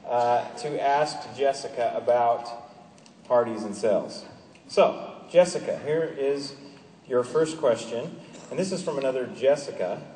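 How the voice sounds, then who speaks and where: A man's voice: mid-range voice, mellow, a little hiss or hum. A man hosting a conference session, upbeat as he introduces audience questions. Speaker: event host. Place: large conference hall. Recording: echoey hall, far from the mic.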